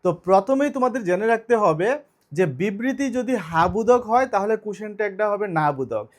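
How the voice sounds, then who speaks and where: A man's voice: sits high, expressive, normal speed. A man with a Tripura Bengali accent teaching a grammar lesson, spelling out words letter by letter and asking questions that he answers himself. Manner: spells out words letter by letter, repeats key terms; asks the students questions and answers them himself.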